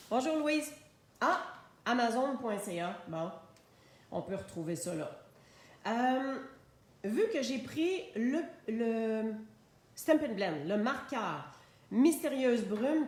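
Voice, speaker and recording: A woman with a Québécois French accent leads a live craft tutorial, narrating each coloring step in a chatty, unhurried way. Her speech is slow and her pitch sits in a middle range. The recording is very echoey, with a faint hiss underneath. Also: darkish tone. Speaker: craft demonstrator. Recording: very echoey room, faint noise.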